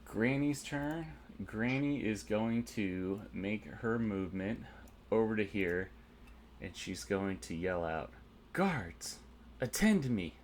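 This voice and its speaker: A man's voice: on the low side, slow pace, a little hiss or hum. A man narrating a tabletop game as game master, methodically explaining rules and dice rolls.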